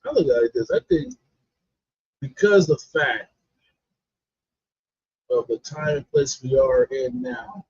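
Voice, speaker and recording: A man's voice: medium pitch, huge pitch swings, takes it slowly, vocal fry, pauses often, a little mellow, husky. A man co-hosting a comedy chat show, chatty, laughing along and adding side comments. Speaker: co-host. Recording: dull lo-fi stream audio.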